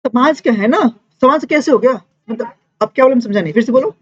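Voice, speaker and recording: Lively woman teacher, chatty classroom lecture. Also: on the high side, quick pace. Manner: lively, mixes Hindi and English, constant check-ins with students. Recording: dull lo-fi classroom recording.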